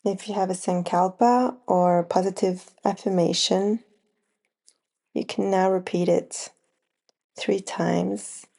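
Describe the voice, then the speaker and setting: As a yoga nidra teacher, a woman guides a slow relaxation meditation in a mellow, soft-edged voice with a clear creak of vocal fry. Her mid-range voice stays steady, and she speaks very slowly in short phrases broken by long pauses.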